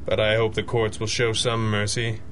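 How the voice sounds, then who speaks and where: Over background noise, an actor plays an authoritative male masked detective from a thirties radio serial. He speaks in a measured, formal way, as a cerebral hero used to command. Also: lowish voice, completely flat delivery, a bit bright, close to an everyday voice. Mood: calm, reflective. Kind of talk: 1930s radio adventure acting.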